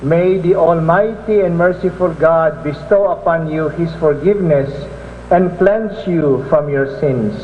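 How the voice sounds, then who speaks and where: Filipino priest's blessing in cathedral echo. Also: male voice, on the high side, measured pace. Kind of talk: solemn liturgical blessing. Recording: echoing cathedral-like reverb, phone-like, noisy.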